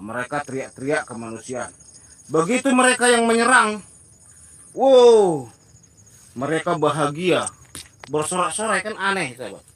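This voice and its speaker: This male evangelist has a high-pitched, somewhat bright voice, recorded with no echo. His preaching commentary is emphatic, and he often addresses his listeners as brothers and acts out mocking dialogues.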